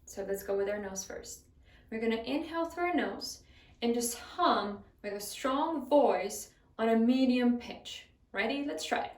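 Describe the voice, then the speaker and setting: Higher-voiced woman teaching singing, roomy sound. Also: expressive, unhurried, recorded from a distance. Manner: friendly instructive, guides exercises step by step. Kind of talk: vocal lesson.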